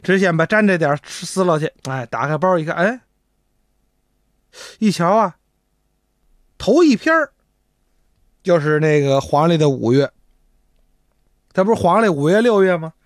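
A man telling a traditional comic story in an animated, chatty way, speaking straight to the listeners. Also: a little high, unhurried, pauses often, no echo, studio quality.

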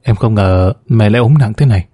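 A man reading as a soft-spoken young wife. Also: fairly low pitch, brisk, no echo, studio quality, natural voice. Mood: caring. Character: caring young wife and mother.

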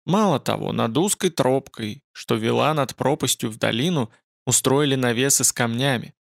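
A man narrating a fantasy audiobook in a measured, dramatic way. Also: medium pitch, vocal fry, no room sound, studio quality.

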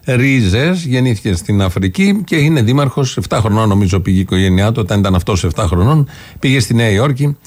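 A man presenting a radio segment, explaining the news in a plain, steady way. He sets up the next call. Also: fairly low pitch. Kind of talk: news commentary.

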